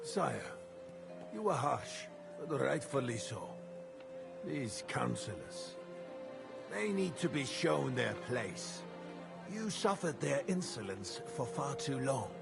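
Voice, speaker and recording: A man's voice: medium pitch, big pitch swings, slow pace, gravelly, music in the background, exaggerated voice. An actor playing a harsh lord loyal to his king in a video game drama, blunt and contemptuous. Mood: cold, assured.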